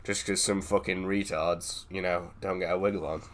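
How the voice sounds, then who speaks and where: A man's voice: low voice, fairly even intonation, normal speed, fairly bright tone, a little hiss or hum. A man streaming live, chatting casually in a blunt, sweary, ranting way.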